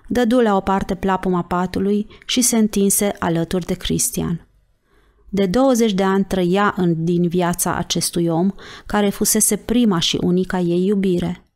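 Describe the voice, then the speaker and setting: A woman narrating an audiobook chapter in a slow, measured reading voice. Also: mid-range voice, darkish tone. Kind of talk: scripted narration.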